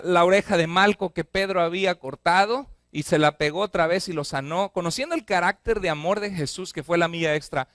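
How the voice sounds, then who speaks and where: A male pastor preaching a sermon, often asking his congregation questions, speeding through repeated lists and slowing down to stress a point. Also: sits high, a bit bright, dry recording, clean studio sound. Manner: asks the congregation frequent questions. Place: church.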